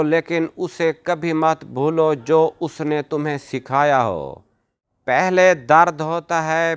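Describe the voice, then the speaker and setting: A man narrating a script of motivational sayings in a measured, declarative way. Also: on the high side, a bit bright, clean tone. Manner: measured, declarative delivery of short maxims.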